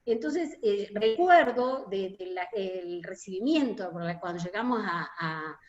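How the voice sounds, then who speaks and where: A woman with an Argentine accent, a union delegate, earnestly recalling a protest march in an online meeting. She pauses often and fills gaps as she talks. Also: mid-range voice, lively intonation, a little mellow, muffled recording. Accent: Argentine Spanish. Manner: hesitant, many filler pauses, earnest. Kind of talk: reminiscing testimony in an online meeting.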